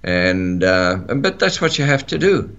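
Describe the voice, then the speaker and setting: A man's voice: low-pitched, very animated, a little slow, a bit bright, lo-fi sound. A middle-aged man with an Australian accent, chatting on talk radio, rambling with many fillers and restarts. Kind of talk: casual talk radio chat.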